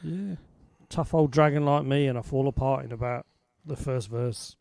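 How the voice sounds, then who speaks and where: A man hosting a casual online music chat, talking softly and haltingly with many ums and restarts, over a home video call. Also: medium pitch, gravelly, no room sound, clean studio sound. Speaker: host and singer-songwriter. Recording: loud guitar music behind.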